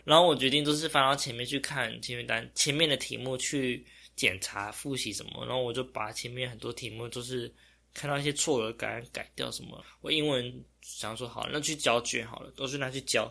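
A young man with a Taiwanese Mandarin accent, telling a story as a vlogger in a casual, animated way, often exclaiming and laughing. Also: mid-range voice, creaky. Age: young adult.

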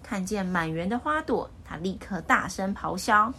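A woman reading a children's picture book aloud as storyteller, with expressive, lively delivery. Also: mid-range voice, moderate pace, a little hiss or hum.

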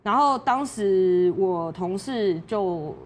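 A woman's voice: lively intonation, slow, a little hiss or hum. A woman with a Taiwanese Mandarin accent, a talk show guest, animatedly telling a personal story and acting out the voices of the people in it. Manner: acts out quoted voices, jumps high in pitch when upset.

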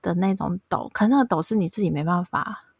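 Woman, thirties, Taiwanese Mandarin accent, animated storyteller, low gravelly voice, dry close sound. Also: fast talker, no echo. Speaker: podcast host. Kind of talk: casual chat.

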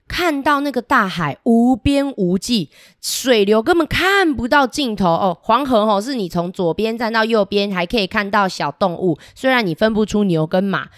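A woman, telling a story to children in an animated way and asking them questions directly. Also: fairly high pitch, no echo, studio quality.

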